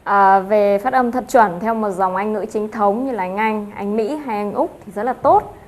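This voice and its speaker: A woman's voice: medium pitch, moderate pace. A woman teaching an English lesson, explaining step by step with frequent filler sounds.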